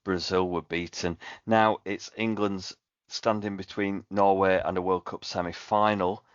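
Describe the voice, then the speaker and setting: A man's voice: sits low, little pitch movement, unhurried, no room sound. A man hosting a podcast, linking segments in an upbeat presenter style. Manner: smooth presenter links, upbeat. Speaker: podcast host. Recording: dry, dull lo-fi podcast audio.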